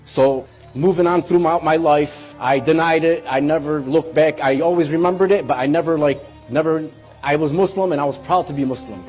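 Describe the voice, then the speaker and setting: A man's voice: a little high, a little fast, darkish tone, faint music behind. A man in his forties telling an emotional personal testimony, earnest and heartfelt, with frequent restarts. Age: 40s. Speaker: speaker giving a personal testimony.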